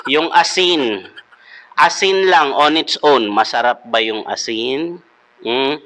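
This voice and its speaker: A man's voice: mid-range voice, slow pace, sharp tone. A man hosting a comedic devotional talk, playfully quizzing his listeners and switching into English. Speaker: devotional host.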